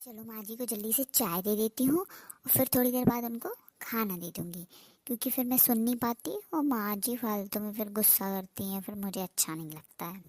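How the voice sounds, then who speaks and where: A woman's voice: medium pitch, moderate pace, darkish tone, no echo, close to an everyday voice. A woman voicing a kind, polite young daughter-in-law who is hard of hearing. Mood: earnest. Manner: polite, sweet, earnest.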